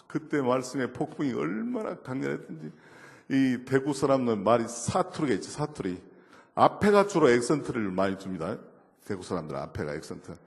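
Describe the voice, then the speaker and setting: A man giving a lively testimony sermon at a church, telling stories with acted quotes and moving from soft murmurs to loud outbursts. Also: medium pitch, gravelly, long reverb tail. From South Korea. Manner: storytelling with acted quotes, laughing, shifts from murmur to shouting. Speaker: guest speaker at a church service.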